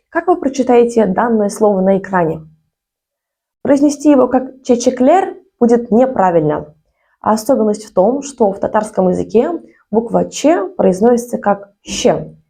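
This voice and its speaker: Woman tutor explaining pronunciation, mellow kinda breathy voice, promo for her lessons. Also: medium pitch, expressive, moderate pace. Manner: clear explanatory, stresses sounds. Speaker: Tatar language teacher. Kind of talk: short language lesson promo.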